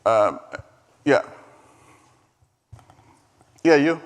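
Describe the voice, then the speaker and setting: On a conference stage, an energetic man whose first language is Igbo delivers a live keynote and Q&A in a clear, resonant, medium-pitched voice. He speaks emphatically, draws out his words, and keeps circling back over what he's said, with a long reverb from the large hall trailing his voice.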